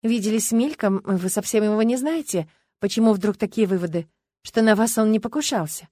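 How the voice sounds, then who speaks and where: A woman reading as a calm, careful young woman who asks her questions in a measured, steady way. The voice sits in a middle pitch and sounds close and dry, with no room around it. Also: no room sound, lightly acted. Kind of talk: audiobook reading.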